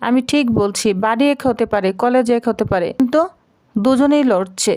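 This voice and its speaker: Woman doing a suspicious aunt, wary, confiding, high-pitched. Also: normal speed, a little mellow, natural voice. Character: suspicious young married woman, gossiping aunt.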